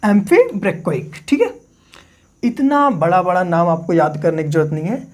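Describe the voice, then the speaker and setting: A man teaching a literature lesson in a patient lecture manner. He keeps asking his listeners questions and then answering them himself. He says each key term slowly, twice, so it can be written down. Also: sits high, animated, darkish tone. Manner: repeats key terms slowly for dictation. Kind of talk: classroom-style lecture.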